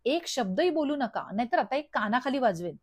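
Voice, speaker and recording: A spoiled young rival, full of jealousy, who snaps and threatens when she talks. A woman reading an episode recap voices her in a somewhat high voice, close to her own. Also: very animated, fairly quick, husky, no echo, full character voice. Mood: angry. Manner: snapping, threatening.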